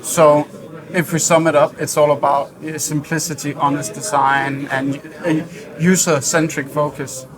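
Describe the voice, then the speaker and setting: Amid the crowd chatter of a bustling hi-fi trade show, a male interview host questions a guest conversationally. His voice is fairly high, level in tone and unhurried.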